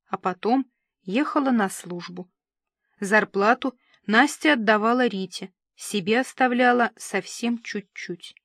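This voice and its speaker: A woman narrates a detective novel in a steady, even storytelling voice. Her pitch is ordinary for a woman. The recording is dry and close, with no room sound. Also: no room sound. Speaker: audiobook narrator. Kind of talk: audiobook reading of a detective novel.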